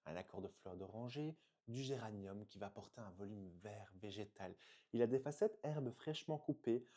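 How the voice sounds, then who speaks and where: French guy gushing over perfumes, lots of "euh" and wows, mellow darkish voice. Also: on the low side. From France. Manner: gushing, exclamatory, frequent hesitations. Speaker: perfume reviewer. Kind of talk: enthusiastic unboxing review.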